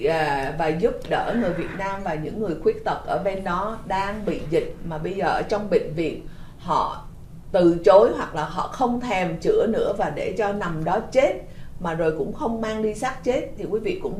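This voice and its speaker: A woman's voice: medium pitch, darkish tone, a little hiss or hum. Chatty woman host, full of fillers. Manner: chatty, lots of hesitation fillers and repeated words. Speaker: host and interpreter. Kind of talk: talk show interpreting and explaining.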